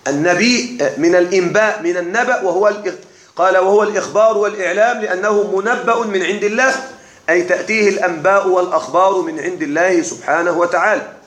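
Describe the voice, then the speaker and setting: A man teaching a classical text to a class, slow and deliberate, often checking that his students are following. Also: sits high, fairly bright tone. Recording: echoey room.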